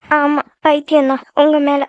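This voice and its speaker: Voicing a shy, affectionate college girl in a cartoon romance, this young adult voice actor pleads teary-eyed with her sweetheart. Her high voice is delivered flatly and a little slowly. The sound is dull, lo-fi and dry with no echo.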